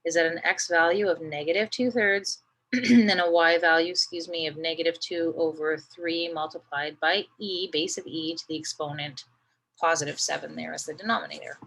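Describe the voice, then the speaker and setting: A woman's voice: deep voice, steady tone, normal speed, vocal fry, fairly bright tone, low-quality recording. A woman teaching a math lesson, patiently talking through each step and often checking in with "right?".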